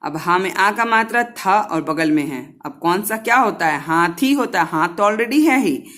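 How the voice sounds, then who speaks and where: A woman's voice: medium pitch, animated, fairly bright tone. Female primary teacher, patient and repetitive, talks young pupils through worksheet questions. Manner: slow, patient, repeats words and syllables for children; asks questions and answers them herself. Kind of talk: online lesson on Hindi vowel signs.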